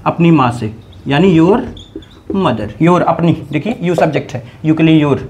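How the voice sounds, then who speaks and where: A man teaching a video lesson, explaining grammar in an animated way and playfully scolding his students in jest. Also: on the high side, measured pace, a little hiss or hum. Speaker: English teacher.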